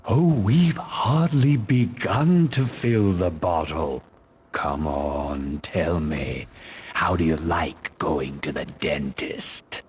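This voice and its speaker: A man's voice: deep voice, slow, a little mellow, dull audio, slight background noise. A man playing a sadistic, smug doctor villain in a game, taunting his victim with mock-soothing condescension. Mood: gleeful taunting.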